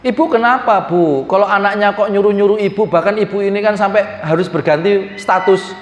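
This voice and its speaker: In a hall, a man with an East Javanese accent preaches a sermon in a lively, joking way, often acting out little voices and addressing the audience directly. His voice is high and his pace brisk. The recording is echoey and captured from far off, with a little hiss or hum.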